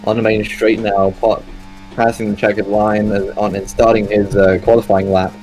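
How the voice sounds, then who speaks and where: A man's voice: on the low side, little pitch movement, normal speed, darkish tone, faint music behind. Casual young male race commentator. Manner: casual, rambling with fillers and self-corrections. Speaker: sim racing commentator. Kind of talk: live esports race commentary.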